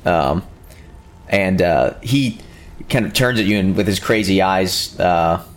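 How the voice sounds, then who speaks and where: A man's voice: low-pitched, takes it slowly. A man running a tabletop game as game master, narrating with many hesitations and fillers.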